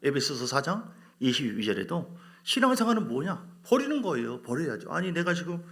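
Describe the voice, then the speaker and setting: A male pastor preaching a dramatic sermon, swinging between loud bursts and whispers and acting out biblical figures. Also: fairly high pitch, big pitch swings, fairly quick. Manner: acts out voices of biblical figures.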